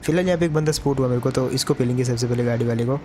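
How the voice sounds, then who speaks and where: A man's voice: medium pitch, racing, dark tone, a little hiss or hum. A man giving casual commentary over a mobile game match, chatty and addressing his viewers as brother.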